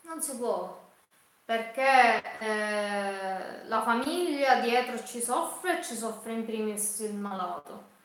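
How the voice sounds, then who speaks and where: A woman chatting casually with livestream viewers, haltingly and with repeated phrases. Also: fairly high pitch. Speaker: cooking livestream host. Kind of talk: casual live chat with viewers. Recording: very echoey room.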